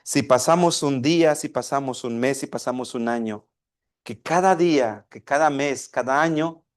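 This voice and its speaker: A man's voice: medium pitch, normal speed. A man preaching a sermon, asking his congregation questions and acting out a dialogue between a father and his child. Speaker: pastor.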